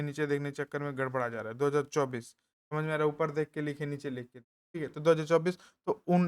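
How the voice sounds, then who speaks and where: A man teaching an exam-prep lesson in casual Hindi, talking quietly so as not to wake others nearby, repeating key points and adding jokey asides, with an eastern Uttar Pradesh accent. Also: on the high side, smooth. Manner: speaks softly to avoid waking others.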